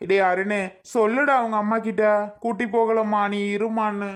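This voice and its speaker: A woman's voice: medium pitch, steady tone, moderate pace, natural voice. A woman voicing an emotional elderly father in a cartoon, pleading with his wife and saying her name over and over. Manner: pleading, affectionate, repeats wife's name. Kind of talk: Tamil cartoon voice acting.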